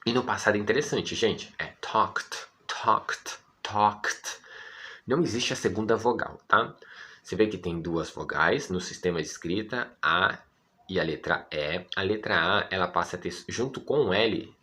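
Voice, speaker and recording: A man's voice: sits low, normal speed, pushed and bright. A Brazilian man teaching English vocabulary in Portuguese, patiently repeating words and often checking in with his students.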